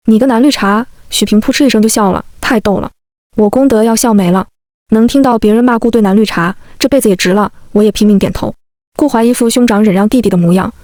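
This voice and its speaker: Young woman, storyteller, higher-pitched voice, dry close sound, reads every character in her own voice. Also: a little mellow, dry recording. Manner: plays every character in the same light voice. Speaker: narrator. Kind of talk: first-person storytelling narration.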